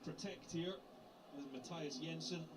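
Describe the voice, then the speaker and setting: A man calling live football play-by-play commentary, describing the action in an unhurried way. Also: fairly high pitch, steady tone. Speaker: match commentator.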